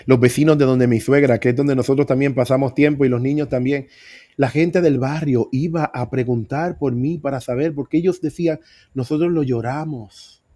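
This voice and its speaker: A man's voice: medium pitch, fairly even intonation, moderate pace, dark tone. A middle-aged man preaching, telling his own story with earnest emphasis. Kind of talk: sermon testimony.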